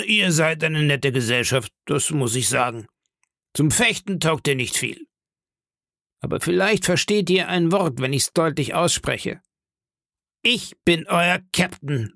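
A man's voice: fairly high pitch, vocal fry, pushed and bright, no room sound, studio quality, voice pushed up, exaggerated voice. A man reading an audiobook, voicing an old one-legged male pirate captain who bellows threats with swagger. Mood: commanding.

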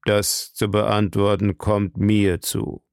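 Man doing a cold slow executioner, low and gravelly. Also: darkish tone, no echo, clean studio sound. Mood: icy. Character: cold, mysterious executioner, icy and unmoved.

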